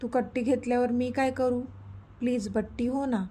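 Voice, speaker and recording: A woman's voice: on the high side, fairly even intonation, moderate pace, mellow, husky. A woman voicing a playful young man who teases and pleads with his girlfriend in a read-aloud story. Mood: pleading.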